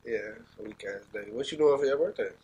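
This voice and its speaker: A man's voice: mid-range voice, brisk, warm tone, breathy edge, lo-fi sound. A young man hosting a casual podcast, teasing and playful, full of slang and rambling. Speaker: podcast host.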